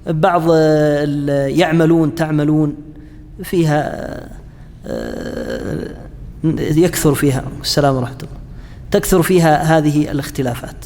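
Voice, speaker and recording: A man teaching a class on Quranic interpretation, pausing often with fillers and restarts and asking his students questions. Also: on the high side, big pitch swings, vocal fry, a little mellow, in a large hall, a little hiss or hum. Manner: halting, frequent fillers and restarts, chats with students. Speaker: Islamic studies lecturer.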